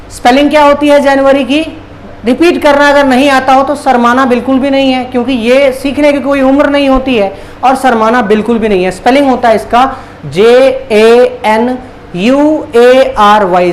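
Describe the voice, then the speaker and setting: A man's voice: extremely high pitch, a little hiss or hum, poor audio. A man teaching a vocabulary lesson, explaining patiently and repeating each word, spelling it out letter by letter. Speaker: English teacher. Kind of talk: Hindi-language vocabulary lesson.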